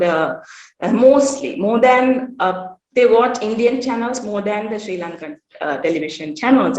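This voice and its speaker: A woman's voice: medium pitch, roomy sound, poor audio. A woman giving an academic conference presentation, hesitant, with frequent fillers and restarts.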